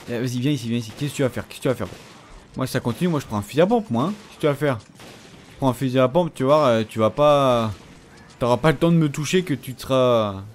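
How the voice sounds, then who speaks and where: A man with a mid-range, darkish voice gives casual let's-play commentary over his own gameplay, with a slight hiss or hum on the recording. He chats away, taunts the enemies he fights, and uses lots of fillers.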